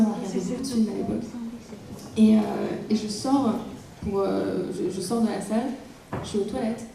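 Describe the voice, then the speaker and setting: A woman's voice: medium pitch, vocal fry, dark tone, slight background noise. A young adult woman, an actress guest, telling stories at a festival panel, hesitant with many fillers. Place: large hall. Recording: echoey hall from far off.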